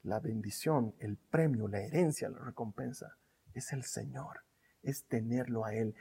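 Husky-voiced preacher in an echoing hall. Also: male voice, on the high side. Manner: fervent, repetitive preaching that drops to soft, intimate tones. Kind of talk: sermon. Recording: reverberant hall.

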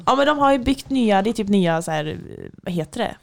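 Animated female guest from western Sweden, exclamatory, her pitch swinging widely. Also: creaky. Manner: lively, exclamatory. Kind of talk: casual chat.

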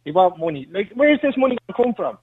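A man's voice: high-pitched, big pitch swings, fast talker, husky, no room sound. A man calling in to a radio show from a building site, arguing defiantly and talking over the host, his phone line buzzing and breaking up. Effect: buzzy phone line that keeps breaking up. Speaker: caller. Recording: tinny glitchy phone line.

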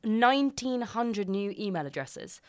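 A woman's voice: medium pitch, expressive, unhurried, dry recording, studio quality. A young woman co-hosting an improvised comedy chat in character, eagerly backing up and egging on her sister. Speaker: co-host.

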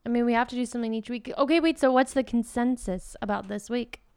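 Female podcast co-host, frank and teasing, higher-pitched and smooth. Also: fast, a little mellow. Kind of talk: casual couple chat.

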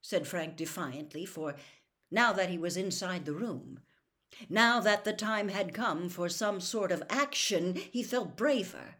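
A woman's voice: on the low side, expressive, a little slow, a bit bright. A woman reading a novel aloud as a storyteller, dramatic and dropping to a whisper for suspense.

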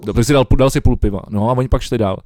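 A man's voice: mid-range voice, a little mellow, no room sound, studio quality. A young man co-hosting a podcast over a remote call, chatting loosely with lots of swearing and fillers. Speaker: podcast co-host. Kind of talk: casual chat.

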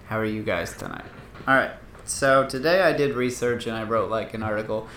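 A man's voice: on the low side, fairly quick, sharp tone, reverberant, slight background noise. Whiny-voiced rambling male podcaster. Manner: rambling, joking, lots of fillers. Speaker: podcast co-host. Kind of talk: casual podcast chat.

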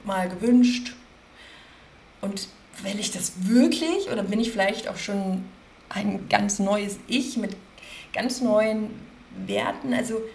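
Gravelly-voiced woman coaching gently. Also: mid-range voice, slight background noise. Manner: gentle, coaching, slowly repeats and stresses words. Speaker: podcast host, coach. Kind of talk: guided self-reflection talk.

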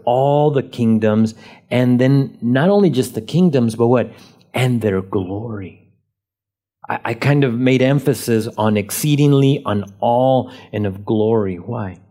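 A man's voice: mid-range voice, dark tone. A man preaching a sermon as pastor, leaning on key words and asking rhetorical questions.

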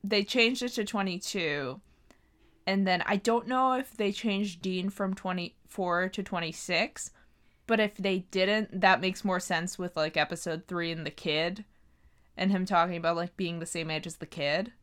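A woman's voice: fairly low pitch, measured pace, a bit bright. A woman co-hosting a podcast, chatting casually and animatedly as she recaps a TV episode and trails off into loose paraphrase. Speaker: podcast co-host.

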